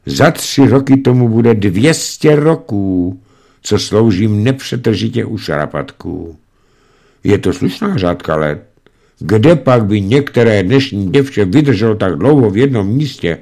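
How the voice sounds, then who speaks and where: A man's voice: on the low side, animated, mellow. A man voicing a very old, unflappable female servant who talks in a folksy, composed way in a storybook reading. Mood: calm, chatty. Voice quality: folksy colloquial speech, unhurried and composed. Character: ancient calm female servant, centuries old. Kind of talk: audiobook reading.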